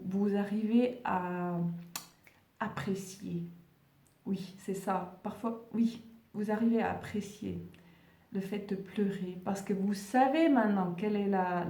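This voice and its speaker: A woman with a non-native French accent, talking gently to her viewers in a vlog and often pausing to search for words. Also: mid-range voice, roomy sound, recorded from a distance. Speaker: spiritual video host. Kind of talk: casual vlog address to viewers.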